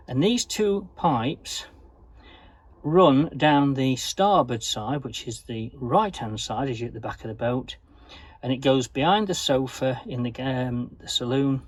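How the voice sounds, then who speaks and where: A man's voice: medium pitch, no echo. A man giving a casual, rambling video tour of his boat, filmed indoors on a handheld camera. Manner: chatty, rambling, with fillers. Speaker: vlogger showing his boat. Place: narrowboat cabin, indoors.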